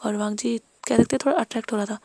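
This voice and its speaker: A woman's voice: a little high, steady tone, rapid-fire, gravelly, warm tone, dry recording. A woman narrating a fan fiction story casually, rambling and correcting herself often.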